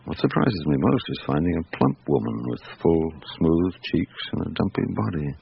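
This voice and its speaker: An actor playing a patient, world-weary middle-aged chief inspector in a radio drama, speaking in a measured, understated way. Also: male voice, low voice, big pitch swings, gravelly, full character voice. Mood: pensive, observing. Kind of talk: radio drama acting with interior monologue narration. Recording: dull, noisy old radio broadcast recording.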